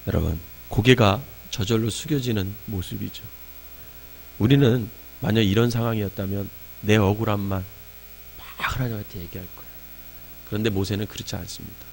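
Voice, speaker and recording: Gravelly-voiced man preaching a lively sermon. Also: fairly low pitch, a little fast, slight background noise. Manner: animated storytelling, rising to emphatic outbursts.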